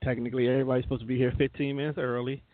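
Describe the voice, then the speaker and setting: A radio show host explains things informally in a casual, conversational group chat. His mid-range voice is flat in delivery and races along. The sound is narrow and tinny, like a phone.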